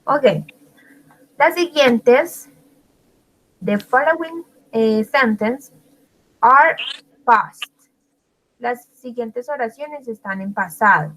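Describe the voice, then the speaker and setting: Slow, patient woman teaching English. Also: on the high side, expressive, fairly bright tone, rough recording. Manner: slow, patient, repeats and translates each answer. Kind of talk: bilingual grammar lesson.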